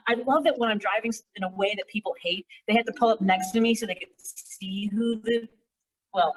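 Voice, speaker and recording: A woman comic telling a rambling, self-mocking stand-up story in an echoey bathroom with hard walls. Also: a little high. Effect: echoey bathroom sound. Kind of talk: stand-up set over a live stream. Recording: echoey bathroom, far from mic.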